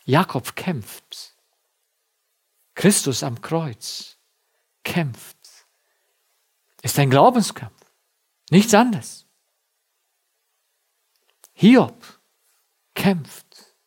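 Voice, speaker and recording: Male preacher, fairly high voice, unhurried sermon delivery that rises to stressed peaks and drops to near-murmurs. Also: big pitch swings, slightly rough. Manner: slow and emphatic, with swelling loud and hushed passages.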